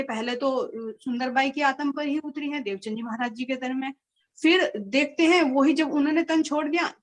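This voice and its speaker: A woman explaining a devotional scripture point at length in an online group discussion, repeating quoted pleas for emphasis. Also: sits high. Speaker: discussion participant. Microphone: video call.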